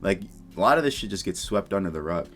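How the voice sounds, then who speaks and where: This YouTube commentator has a low, expressive, slightly bright voice and talks fast over background music with a bit of hiss or hum. He reacts casually, bluntly, with slang and swearing.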